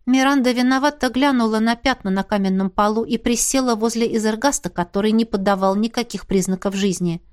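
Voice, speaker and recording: A woman narrates a fantasy audiobook in a fairly high-pitched voice. Her delivery is even and measured, in the manner of steady scripted storytelling.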